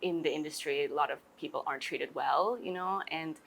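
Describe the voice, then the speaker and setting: A young Singaporean woman in her twenties chats casually as an interview guest outdoors by a pool, her wandering sentences full of "like" and "you know." Her somewhat low, fairly bright voice has vocal fry, and she speaks briskly. The recording is rough, with slight background noise.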